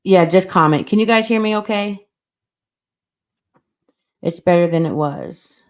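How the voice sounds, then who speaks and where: A woman's voice: lowish voice, unhurried. A woman hosting a casual livestream rant, blunt and profane, her volume uneven because her mic keeps cutting in and out. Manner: blunt and profane, stumbling restarts. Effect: uneven volume from an unplugged mic cutting in and out. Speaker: livestream host.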